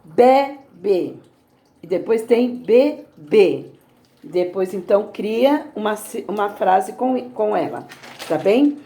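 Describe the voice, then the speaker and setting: Brazilian woman, primary teacher, warm and mellow tone, exaggerated slow syllables for children. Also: mid-range voice, animated. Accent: Brazilian Portuguese. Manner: slow, exaggerated sounding out of words. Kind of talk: recorded lesson for young children.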